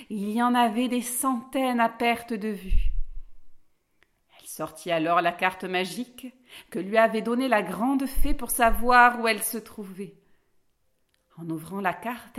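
A woman reading a children's fairy tale aloud in an expressive, lilting way. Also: medium pitch. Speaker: storyteller.

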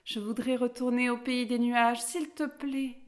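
Little girl, eight years old, high, eager, polite, voiced by a woman. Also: steady tone, unhurried, natural voice.

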